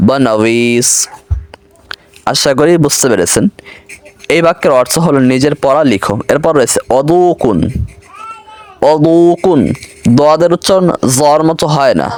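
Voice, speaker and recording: A man's voice: mid-range voice, dry recording. A young man teaching a recorded language lesson, methodically repeating each word with its meaning and patiently correcting pronunciation.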